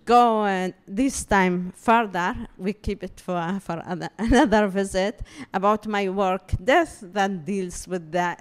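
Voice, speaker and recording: A woman from Palestine, an artist giving a public talk, speaking haltingly and searching for words with many fillers. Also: fairly low pitch, smooth. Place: talk room before an audience.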